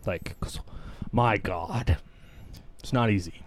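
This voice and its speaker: A man's voice: on the low side, takes it slowly, slight background noise. A young man co-hosting a podcast, rambling and swearing freely as he tells a personal story. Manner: rambling, profane, emotional storytelling. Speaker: podcast co-host. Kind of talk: candid casual podcast chat.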